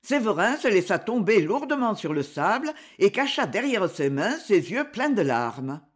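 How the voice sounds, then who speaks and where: A woman narrating a storybook with an expressive, unhurried delivery. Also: medium pitch, slightly rough. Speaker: audiobook narrator. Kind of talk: storybook reading.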